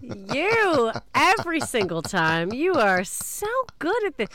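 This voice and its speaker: Animated, playful woman chatting. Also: on the high side, slow pace, no echo. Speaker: podcast co-host. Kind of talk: casual, bantering podcast chat.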